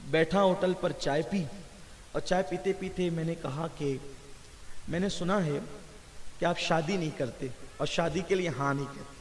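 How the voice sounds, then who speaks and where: High-voiced impassioned male preacher. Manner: impassioned, swelling louder at religious high points. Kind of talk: emotional storytelling sermon. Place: large gathering hall. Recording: reverberant hall with faint hiss.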